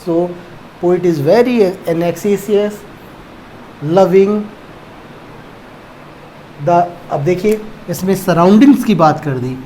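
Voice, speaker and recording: Slow mellow teacher man. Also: high voice, slight background noise. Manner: explains slowly, asks and answers his own questions, mixing Hindi and English. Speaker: English teacher. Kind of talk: online lesson on a poem.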